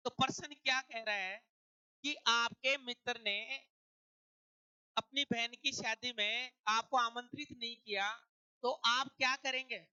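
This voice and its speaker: A man's voice: very high voice, sharp tone, smooth, dry recording, muffled recording. A man teaching an exam-prep lecture, explaining step by step and asking and answering his own questions.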